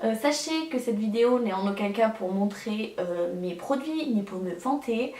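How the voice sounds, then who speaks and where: A woman's voice: on the high side, animated, moderate pace, a little mellow, far from the mic. Chatty young woman in an echoey room. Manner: chatty, hesitant with many fillers. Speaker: beauty vlogger. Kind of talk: casual vlog showing a collection.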